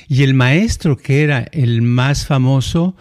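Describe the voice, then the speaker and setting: Brief: middle-aged Mexican man, podcast co-host, lively anecdotal chat. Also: mid-range voice, slow. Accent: Mexican Spanish. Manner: animated, acts out quoted voices, frequent fillers. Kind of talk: casual conversational storytelling.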